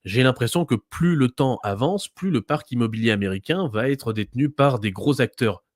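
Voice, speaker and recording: A man's voice: medium pitch, expressive, moderate pace, dry recording, studio quality. Man explaining with many restarts. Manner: explanatory, many fillers and restarts, checks in with "d'accord". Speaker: guest. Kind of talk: conversational explanation.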